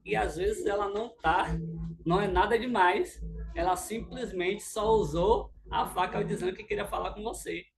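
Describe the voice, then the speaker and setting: A middle-aged man with a Brazilian Portuguese accent, lecturing an audience in a lively, informal way and acting out little scenes. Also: high voice, moderate pace, gravelly, crowd noise. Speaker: speaker at a relationship talk.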